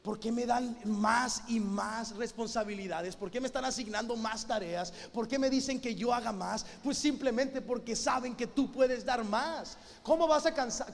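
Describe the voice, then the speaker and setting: A man's voice: very high voice, creaky. A man preaching a sermon in a church, emphatic and full of rhetorical questions. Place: church hall with a live band. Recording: long hall reverb.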